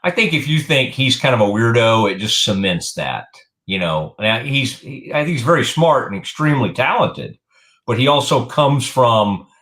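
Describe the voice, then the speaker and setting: A middle-aged Texan with a Texas accent hosts a sports talk show on the radio, rambling casually with plenty of fillers and restarts. His medium-pitched voice is expressive and slightly bright, at a normal speed.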